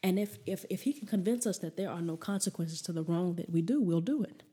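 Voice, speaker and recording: A woman's voice: fairly low pitch, fairly quick, mellow, husky. A woman preacher giving a conversational, emphatic sermon, often repeating herself.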